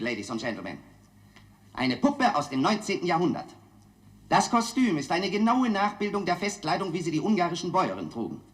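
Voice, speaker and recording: An actor playing a smooth-talking auctioneer in a dubbed film, giving repetitive sales patter and bid calls. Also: male voice, sits high, fairly bright tone. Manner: repetitive auctioneer calling of bids. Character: smooth-talking London auctioneer hawking antiques to bidders. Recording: echoey room, old film dub.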